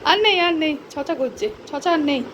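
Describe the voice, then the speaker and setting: High-voiced woman, pet vlog at home, sing-song coaxing, noisy home video. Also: animated, fairly quick, fairly bright tone. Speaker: pet vlogger. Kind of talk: casual chat with her dog. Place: home, in a bedroom.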